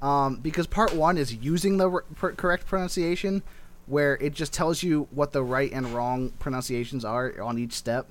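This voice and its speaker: A man's voice: mid-range voice, normal speed, a little hiss or hum. A man hosting a casual chat, reading an article aloud and joking along with his friends. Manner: reads aloud with playful asides.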